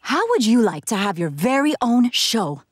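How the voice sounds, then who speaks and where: A woman voicing a persuasive, smooth-talking television producer in a cartoon. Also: sing-song, moderate pace, no room sound, studio quality. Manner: persuasive, pitching.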